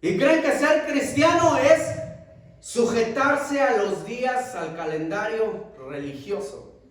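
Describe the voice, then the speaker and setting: Impassioned high-voiced preacher in echoey church. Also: male voice, takes it slowly. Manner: impassioned preaching, swinging between loud peaks and hushed asides. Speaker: pastor. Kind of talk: sermon. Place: church sanctuary. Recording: echoey church hall, mic far off.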